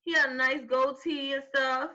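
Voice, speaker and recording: A woman's voice: sits high, little pitch movement, moderate pace, bright, forceful tone, highs cut off. A woman hosting a casual podcast chat, talking in a loose, slangy way with joking asides. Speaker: podcast host.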